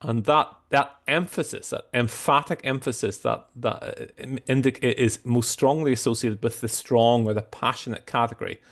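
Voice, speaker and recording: A man presenting a screen-share tutorial, explaining things in a halting way with frequent restarts. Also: medium pitch, steady tone. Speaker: software demo presenter.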